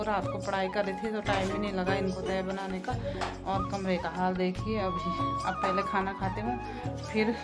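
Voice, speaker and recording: A woman vlogger and mother, chatting casually and telling a childhood story, often laughing as she talks. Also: medium pitch.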